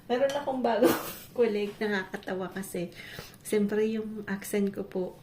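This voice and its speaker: Chatty Filipina vlogger in an echoey kitchen. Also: female voice, mid-range voice, normal speed, slight background noise. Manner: chatty, laughs while telling stories. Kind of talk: casual cooking vlog chat. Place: home kitchen. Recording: echoey kitchen with loud clatter.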